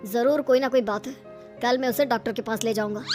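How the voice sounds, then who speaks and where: A woman's voice: fairly high pitch, fairly even intonation, brisk, music in the background, natural voice. A woman voicing a trusting middle-aged father in a cartoon, speaking reassuringly. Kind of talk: cartoon voice acting.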